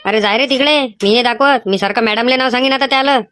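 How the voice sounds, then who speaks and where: A woman's voice: on the high side, quick pace, a bit bright, clear, resonant tone, no echo, close to an everyday voice. A woman voicing a cheeky, whiny cartoon schoolboy. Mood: mischievous. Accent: Vidarbha Marathi. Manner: whiny, pleading, mischievous. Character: cheeky young schoolboy cheating in an exam. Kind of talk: animated cartoon voice acting.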